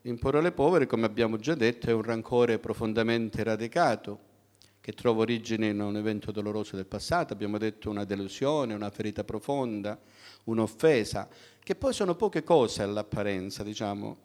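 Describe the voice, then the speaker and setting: A man's voice: lowish voice, a little fast, darkish tone. A middle-aged man preaching a sermon in a conversational way, often asking the congregation questions.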